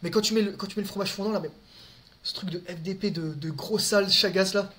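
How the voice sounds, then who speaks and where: A man with a noticeably high voice, chatting casually with his audience. He answers viewers' questions directly, full of crude slang and stumbling restarts. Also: quick pace, fairly bright tone. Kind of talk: casual live chat.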